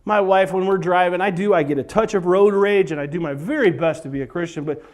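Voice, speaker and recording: A middle-aged man doing stand-up comedy for a church audience, animated and exaggerated, breaking into sudden shouts. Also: sits high, fast. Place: church event hall before a live audience.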